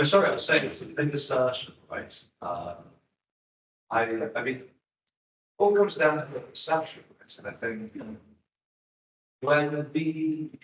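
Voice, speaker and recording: A man's voice: medium pitch, fairly bright tone. A man in the audience asking a question in a chatty, probing manner. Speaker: audience member. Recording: echoey hall, distant dull mic, faint noise.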